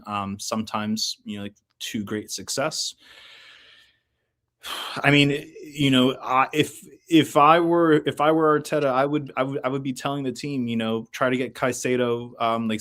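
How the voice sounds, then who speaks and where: A man with a mid-pitched voice gives casual fan punditry on football. He talks haltingly, circling back on himself and leaning heavily on filler phrases as he builds a point. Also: fairly bright tone. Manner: halting, circling delivery heavy with "you know" and "like".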